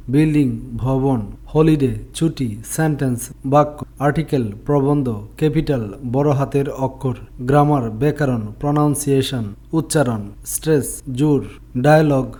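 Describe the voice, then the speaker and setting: Man reading a word list, mellow tone. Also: medium pitch. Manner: steady word-by-word recitation. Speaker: vocabulary teacher.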